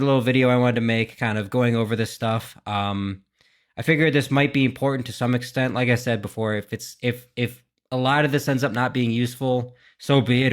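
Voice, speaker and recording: A YouTube gaming reaction host, a man with a medium-pitched voice, gives casual, unscripted reaction commentary. He sounds hesitant, thinking aloud and swearing mildly as he goes.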